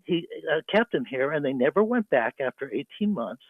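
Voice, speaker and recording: A man calling in to a radio show over a phone line, talking in a rambling, halting way with many fillers. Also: medium pitch, sing-song, no echo. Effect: phone-line caller on a radio show. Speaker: caller. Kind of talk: rambling call-in commentary.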